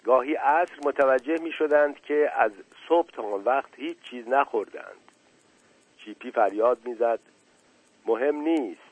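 A man narrating a children's story calmly and evenly. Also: medium pitch, slightly rough, low-quality recording. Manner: calm, even storytelling.

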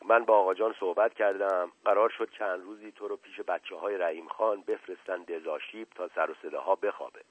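A man voicing a wry, worldly middle-aged male relative with a dry, amused, low-key manner. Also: steady tone, few pauses, no echo. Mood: confiding. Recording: dry tinny radio recording.

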